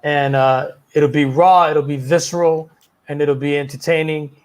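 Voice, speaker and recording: A man's voice: a little high, fairly even intonation, moderate pace. A man who is a guest on a talk show, speaking in an earnest, rousing way. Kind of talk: casual chat.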